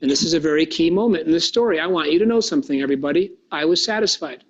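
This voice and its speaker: A man giving a motivational workshop talk, telling a story with animated delivery and putting questions to the audience. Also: on the high side, rapid-fire, husky, lo-fi sound. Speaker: workshop speaker.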